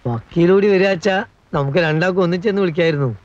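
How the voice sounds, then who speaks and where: An actor playing a nervous, fussy middle-aged household helper, giving anxious, secretive warnings. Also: male voice, high-pitched, fast, dull audio, close to an everyday voice. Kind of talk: film dialogue.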